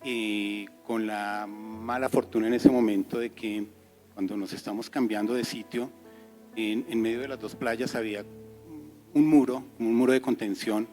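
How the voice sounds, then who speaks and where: Calm man with music behind. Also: fairly low pitch, normal speed. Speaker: pastor. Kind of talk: testimony at a church service.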